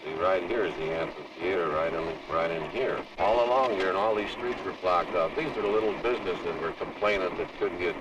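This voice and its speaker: A man's voice: low voice, a little fast, hardly any pauses. A man talking in a plainspoken, wry way. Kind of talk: casual talk. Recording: distant noisy 1960s film sound.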